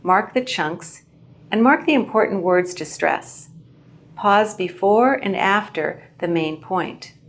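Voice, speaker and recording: A woman instructor giving a clear, measured lesson on how to present well. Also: medium pitch, animated. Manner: clear, measured teaching delivery. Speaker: English language instructor. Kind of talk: instructional video narration.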